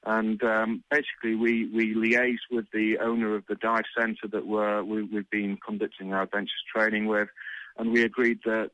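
A man, a military officer, giving a measured eyewitness report in formal phrasing. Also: lowish voice, a bit bright, dry recording, highs cut off.

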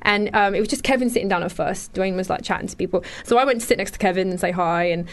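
A woman's voice: medium pitch, fast. A woman presenter chatting casually and candidly, as in an entertainment talk show. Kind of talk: casual chat.

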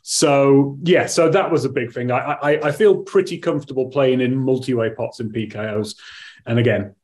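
A man's voice: medium pitch, moderate pace, darkish tone. A man speaking as a podcast guest in casual chat, with dry, self-deprecating joking. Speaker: podcast guest, poker author.

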